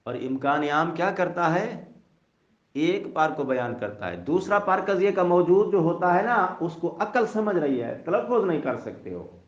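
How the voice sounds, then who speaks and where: A man's voice: high-pitched, sing-song. A man teaching a seminary logic class, asking questions and letting students finish his sentences. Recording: echoey dull lo-fi classroom audio.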